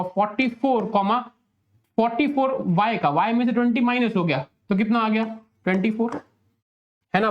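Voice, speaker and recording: A man with an Indian accent and a sore throat, teaching an exam-prep lesson and repeating steps, often asking for a yes or no. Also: high-pitched. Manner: repetitive, asks for yes or no.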